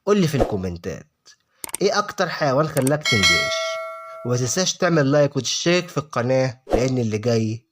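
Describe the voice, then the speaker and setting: A man's voice: mid-range voice, very animated, fast, noisy background. A man with an Egyptian accent giving a scripted, colloquial nature documentary narration, addressing the listener directly with dramatic phrasing. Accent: Egyptian Arabic. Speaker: narrator of an online video channel.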